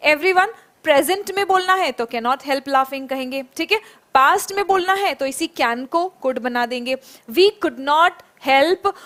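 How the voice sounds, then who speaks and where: A woman teaching a live online spoken English class, praising students by name and drilling phrases slowly. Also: high voice, a bit bright. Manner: encouraging, calls students by name and praises them.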